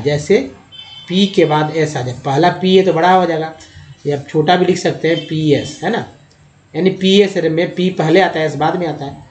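Man, language English lesson, repetitive patient explaining, fairly high voice, echoey room. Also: darkish tone. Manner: repetitive, explanatory, addresses viewers as friends. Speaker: English teacher.

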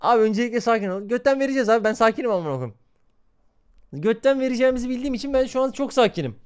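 A young man streams a game live, reacting loudly and swearing in nearly every sentence. His voice sits high and swings widely, jumping up and down as he talks to his chat. He comes across as excitable and blunt. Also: very fast, smooth. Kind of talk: live gameplay commentary.

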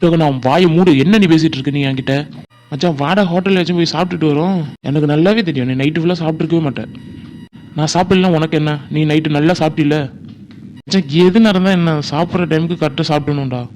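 Actor for a bickering young college man, quick talker, a bit high. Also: darkish tone, slight background noise, lightly acted. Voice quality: brash, bickering banter. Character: young college man quarrelling with his friend. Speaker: college student. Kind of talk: village family drama acting.

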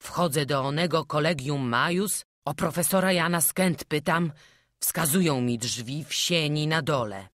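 A woman's voice: deep voice, measured pace, a bit bright, dry recording, studio quality. A woman narrating an audiobook, reading a historical story and giving village characters their own voices. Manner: voices village characters in old-fashioned dialogue.

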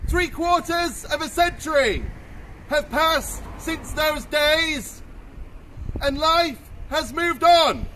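A man bellowing a ceremonial rhymed proclamation as a town crier outdoors. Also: very high voice. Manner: bellowing, declamatory, projected outdoors. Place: outdoors in a town square by a war memorial and church. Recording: windy outdoor recording with street noise.

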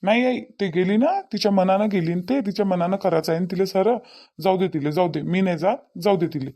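A man's voice: high-pitched, a little fast, dark tone. A man with a Varhadi Marathi accent voicing an indignant young husband who keeps firing questions back. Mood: sulky. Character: resentful young husband, sulky.

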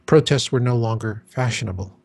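A man's voice: medium pitch, brisk, darkish tone. A man in his sixties, a guest in an interview, talking in an emphatic, casual way. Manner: emphatic, acts out chanting crowds in quotes.

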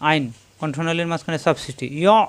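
A man leads a tajweed lesson, breaking each word into letter-by-letter syllables. He then stretches the joined word out slowly, repeating it patiently. His voice sits a little high and comes through smooth and clear. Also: a bit bright. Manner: spells syllables letter by letter, then draws out whole words slowly; patient, repetitive drilling. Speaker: Quran recitation teacher. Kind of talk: slow spelling-out tajweed lesson.

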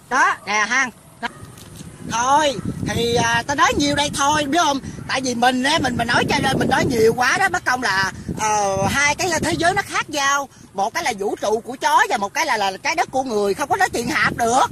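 A woman delivering a profane, insulting rant to camera outdoors. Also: high voice. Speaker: online personality. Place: outdoors by a rain-filled pit. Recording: outdoor traffic noise behind.

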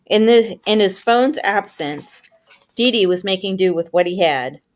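A woman reading a novel aloud with steady storytelling, giving the characters their own voices. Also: medium pitch, unhurried. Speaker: audiobook reader.

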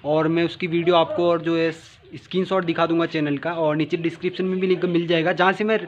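A young man from India, a vlogger, talking casually and pleading softly with his mother. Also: on the high side, little pitch movement, quick pace, lo-fi sound. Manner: pleading, whiny and soft in the argument. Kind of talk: casual vlog and comedy skit.

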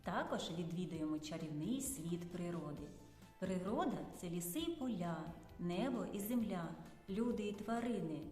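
A woman teacher gently explaining a speech sound to small children in an instructive way. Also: fairly low pitch, lively intonation, moderate pace, soft background music. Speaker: preschool teacher. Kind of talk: children's lesson narration. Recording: roomy hall with reverb.

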